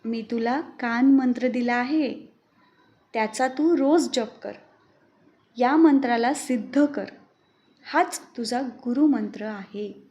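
A woman reading the gentle words of a serene saintly male guru in a devotional storybook, speaking slowly and calmly. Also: fairly high pitch, muffled recording.

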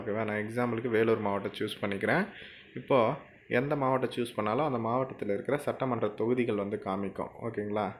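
Here a man with a fairly low, slightly bright voice runs a relaxed screen-recorded tutorial, and there's slight background noise. He talks casually through each step, regularly checking in with an "okay?" as the host of a tutorial channel.

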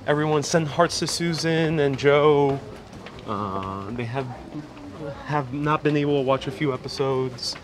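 Higher-pitched man, mixed accent, street noise. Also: measured pace. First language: Spanish. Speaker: livestream host. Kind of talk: casual livestream chat. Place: outdoors, evening streets and harbor. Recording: noisy outdoor street ambience.

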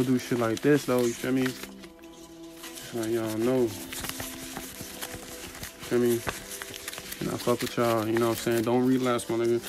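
Male vlogger, mid-pitched, profane and rambling, music behind. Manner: profane, slangy, rambling, gets animated. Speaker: motivational vlogger. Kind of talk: casual rambling monologue. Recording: clear music in the background. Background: music playing in the background.

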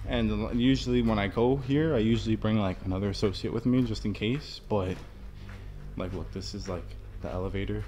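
Filming a casual walkthrough vlog on his handheld phone, a young man talks in a fairly low, hushed, nervous and rambling way as he crosses a big, empty concrete basement. Faint music and slight background noise can be heard.

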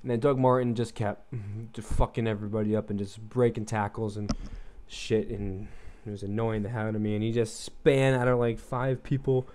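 A man's voice: fairly low pitch, flat delivery, normal speed, a little mellow, slight background noise. A young man rambling through casual gameplay commentary, loose and profane, filling gaps with likes and ums, his throat a little froggy. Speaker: gaming commentator.

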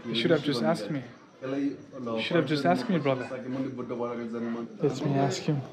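A man's voice: medium pitch, steady tone, unhurried, over a noisy crowd. A man in his thirties with a French accent, chatting enthusiastically as a travel vlogger while filming himself outdoors on an action camera. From France. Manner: enthusiastic, chatty, laughs often. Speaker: vlogger host. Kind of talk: casual travel vlog chat. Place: outdoor temple courtyard and streets. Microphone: action camera at arm's length.

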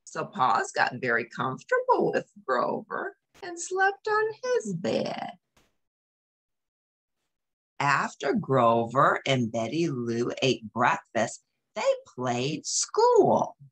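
Her voice sits low and she reads slowly, sharing a storybook with young children. Along the way she explains things and adds casual comments and exclamations, all very expressively.

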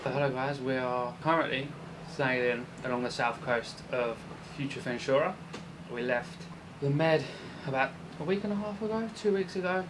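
A man's voice: medium pitch, normal speed, background noise. Joking man on a boat. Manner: jokey, laughs easily. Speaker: sailing vlogger. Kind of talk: casual chat. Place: outdoors on a sailing catamaran at sea.

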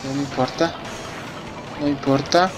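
A young man giving excitable, swear-filled commentary while playing a racing game. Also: medium pitch, unhurried. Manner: excitable, swears a lot, reacts loudly to the race. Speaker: let's play gamer. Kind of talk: live gameplay commentary. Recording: game music behind the voice. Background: racing game music and sound effects.

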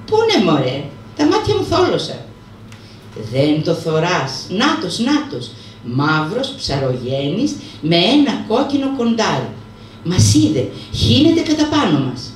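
A woman's voice: wildly swooping pitch, a little hiss or hum. A woman reading aloud voices a panicky, terrified man who begs and shrieks as he flees a phantom rider. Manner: shrill, frantic pleading. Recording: roomy sound from far off.

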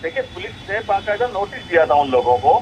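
A man joins a heated TV debate over a remote link, defending his side. His voice sits fairly high, and he keeps repeating short phrases to break in. Faint background noise runs under him. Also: sing-song, brisk, low-quality recording. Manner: defensive, repeating himself, trying to get a word in. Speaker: debate guest, party spokesman.

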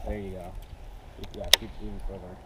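A man giving fishing tips and joking from a small boat outdoors, with loud bursts of excitement. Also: deep voice, fairly quick. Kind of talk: casual banter. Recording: loud wind and boat noise.

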